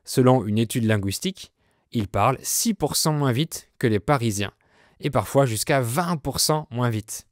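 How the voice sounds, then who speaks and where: A French man hosting a podcast lesson, explaining with slow, clear delivery. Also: medium pitch, lively intonation, no room sound, studio quality. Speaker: French teacher, podcast host.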